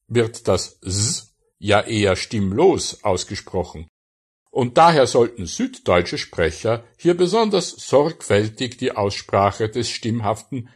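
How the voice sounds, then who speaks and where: A man's voice: medium pitch, slightly rough. A man giving a scripted audio language lesson, carefully enunciating single words one by one and then translating each. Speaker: language teacher.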